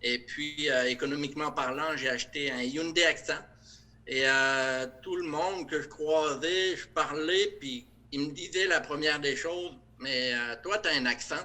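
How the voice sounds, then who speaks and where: A middle-aged man from France with a French accent softened toward Québécois, answering interview questions in a hesitant way, with many fillers and restarts. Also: a little high, steady tone, unhurried. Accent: light French accent, partly Québécois. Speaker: interview guest, production director. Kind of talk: casual interview.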